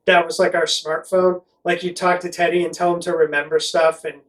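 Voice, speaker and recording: A man's voice: fairly high pitch, little pitch movement, fairly quick, fairly bright tone. A middle-aged American man from Connecticut chatting casually and explaining things in a rambling, conversational way as a vlog host. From Connecticut, United States. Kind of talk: casual explainer chat to camera. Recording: roomy echo, distant mic.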